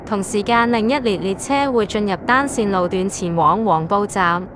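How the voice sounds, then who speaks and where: A woman's voice: medium pitch, normal speed, background noise. A woman with a Hong Kong accent hosting a video with scripted explainer narration.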